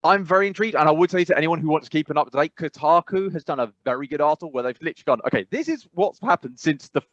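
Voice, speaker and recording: A very fast-talking Englishman with a fairly high, fairly bright voice and lively intonation co-hosts a casual podcast, with no echo. He rambles, hesitates, and restarts often, with lots of fillers and laughter, via a dull, dry lo-fi mic.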